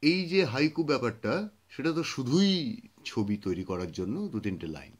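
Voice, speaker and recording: Unhurried male poetry storyteller. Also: medium pitch, big pitch swings. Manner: unhurried storytelling with thoughtful pauses and fillers. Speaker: poetry reader and speaker. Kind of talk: reflective spoken commentary on poetry.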